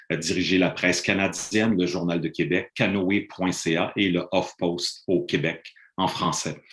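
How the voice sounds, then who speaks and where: A middle-aged university lecturer delivers a measured, explanatory panel presentation remotely from a room in Montreal, often hesitating on "euh." His voice is low, and the video call audio sounds roomy.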